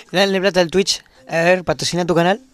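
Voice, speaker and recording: A man's voice: high voice, steady tone, moderate pace, no echo, faint music behind. A young man in a casual podcast chat, playful and teasing. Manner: playful, teasing, laughs often.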